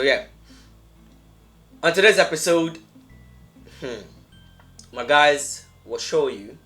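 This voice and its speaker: A young man with a Ghanaian accent and a medium-pitched voice hosts a casual podcast. He talks conversationally and repeats phrases to drive a point home. Music plays behind his voice. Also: pushed and bright. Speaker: podcast host.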